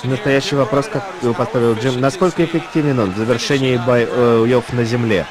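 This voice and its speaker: A man's voice: mid-range voice, brisk, a crowd in the background. A man doing translated voice-over commentary on a fight broadcast, speaking as a commentator. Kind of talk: live translated sports commentary.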